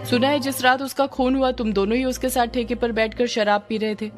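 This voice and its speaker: Storybook read-aloud: a woman voicing a scolding policewoman, stern, commanding, over soft music. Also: fairly high pitch, fairly even intonation, a little fast, lightly acted. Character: stern angry female police officer.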